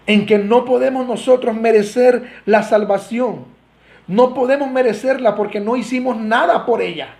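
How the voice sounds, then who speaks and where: A Costa Rican man preaches with a notably high voice, pressing his points and speaking straight to the congregation. His delivery swells and drops as he stresses each call to holiness. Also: creaky, darkish tone. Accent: Costa Rican Spanish. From Costa Rica. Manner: earnest preaching, rising and falling emphasis, direct address to the congregation. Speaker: pastor. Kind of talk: sermon.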